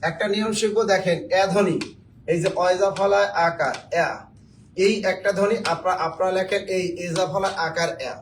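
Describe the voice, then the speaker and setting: A man's voice: high-pitched, fairly even intonation, fairly quick, slight background noise. A man from Bangladesh, teaching a spelling lesson for job exams, joking and quizzing his viewers.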